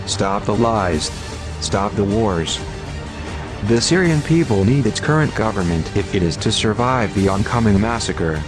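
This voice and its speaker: Man, disguised deep voice, lowish pitch, stern scripted narration, music playing behind.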